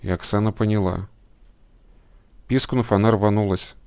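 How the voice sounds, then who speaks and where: A man reading a dark story aloud in measured scripted narration. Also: on the low side, steady tone, no room sound. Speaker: audiobook narrator.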